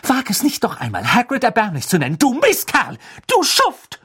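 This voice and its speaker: A fierce, clever teenage schoolgirl speaks up in a high, shrill voice, voiced by a man reading an audiobook. She is loud and heated. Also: wildly swooping pitch, moderate pace, breathy edge, heavily acted. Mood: furious. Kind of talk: audiobook character voice.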